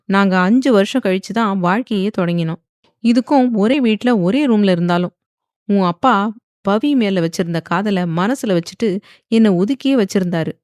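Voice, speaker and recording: A woman's voice: medium pitch, a little mellow, no echo, clean studio sound, natural voice. A woman voicing a patient middle-aged mother who firmly lectures her daughter. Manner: firm, lecturing.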